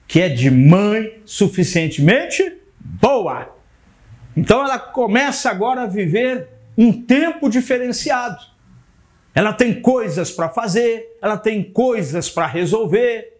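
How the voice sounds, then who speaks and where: A man with a Brazilian Portuguese accent gives a psychoanalysis lecture, asking rhetorical questions and playfully speaking as a baby in the first person. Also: high-pitched. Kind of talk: recorded lecture.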